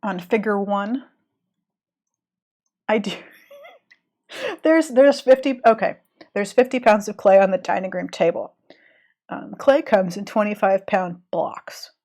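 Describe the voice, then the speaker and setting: A woman's voice: medium pitch, fairly even intonation, unhurried, pauses often, darkish tone. A woman with a cold, chatting casually and rambling with restarts while she draws on a live stream. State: has a cold. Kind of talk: casual chat while drawing.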